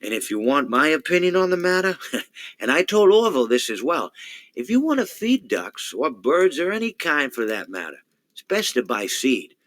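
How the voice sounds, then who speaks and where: A man's voice: a little high, sing-song, moderate pace, a bit bright, dry recording. An actor playing a rambling, long-winded male hippo animatronic in a video game, stammering, repeating his words and drifting off into digressions. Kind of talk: video game character monologue.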